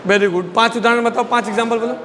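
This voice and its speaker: High-voiced man teaching a Hindi class. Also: fairly even intonation, fast talker, big-room sound, a crowd in the background. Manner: drills word pairs, repeats words, prompts students to answer. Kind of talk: classroom lesson.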